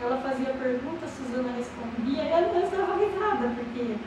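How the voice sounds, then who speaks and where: A woman's voice: high voice, quick pace. A Brazilian woman, a spiritualist medium, telling anecdotes in an interview and acting out the dialogue she recalls. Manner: chatty, acts out quoted dialogue in anecdotes. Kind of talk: casual interview storytelling. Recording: roomy, distant mic with background noise.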